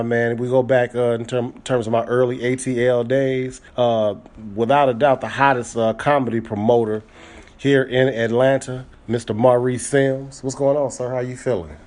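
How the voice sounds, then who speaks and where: A man's voice: medium pitch, a little mellow. A man hosting a casual comedy podcast, talking in a laid-back, slangy way with plenty of fillers. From Midwest US (born Chicago, raised Michigan).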